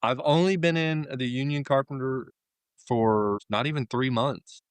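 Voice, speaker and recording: As an interview guest, a union carpenter from Florida in his thirties speaks with an American accent in a loose, rambling, conversational style. His medium-pitched voice is clear and resonant, delivered at a measured pace on a dry recording.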